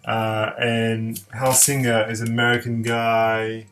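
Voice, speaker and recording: A man's voice: medium pitch, completely flat delivery, slow pace, a bit bright, faint music behind. A man from eastern France, reviewing records in a casual vlog, hesitant with many fillers, repeating his praise with enthusiasm. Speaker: record collector.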